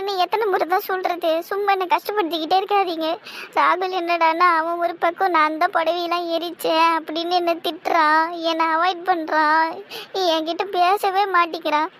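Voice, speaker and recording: A woman's voice: very high-pitched, little pitch movement, fairly quick, fairly bright tone, slight background noise. A woman voicing a hurt young woman who pleads that everyone hates her, in an amateur audio drama. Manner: plaintive, pleading, self-pitying.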